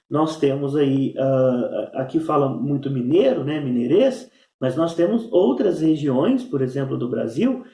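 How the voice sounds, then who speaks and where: A man's voice: high voice, mellow. A male teacher, explaining exercises in a recorded lesson, with frequent tag questions and fillers. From Minas Gerais, Brazil. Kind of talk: recorded remote lesson going over exercises. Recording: echoey room.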